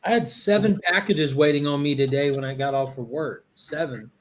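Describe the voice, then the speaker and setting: A man's voice: a little high, normal speed. A man on a video call, teasing the others with dry jokes in casual chat.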